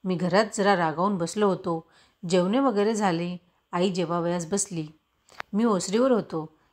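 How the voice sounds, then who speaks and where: A woman narrating a classic story in a steady, expressive reading voice. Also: on the low side, a little slow. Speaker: story reader. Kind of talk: scripted narration of a Marathi classic.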